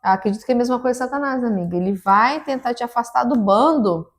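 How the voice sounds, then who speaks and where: Woman co-host on a church podcast, kinda high voice, earnest and preachy, lots of restarts. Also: fast talker.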